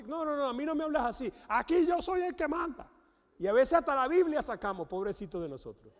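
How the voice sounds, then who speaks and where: Man, Venezuelan accent, guest pastor, lively sermon storytelling, long hall reverb. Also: high voice. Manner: animated storytelling, acts out quotes. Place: church sanctuary.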